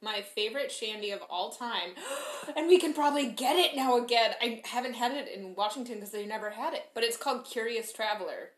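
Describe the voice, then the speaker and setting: A young woman with a somewhat high voice tells stories over beers at home. She sounds chatty and upbeat, and the living room gives her voice a noticeable echo. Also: a little fast, hardly any pauses. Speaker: podcast co-host. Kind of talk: casual chat over beers. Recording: echoey room.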